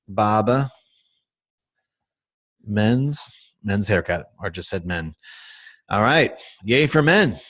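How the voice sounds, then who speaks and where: A man's voice: fairly low pitch, dry recording. A man giving a casual screen-share tutorial on search marketing, rambling with lots of fillers and self-mocking asides. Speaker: SEO instructor.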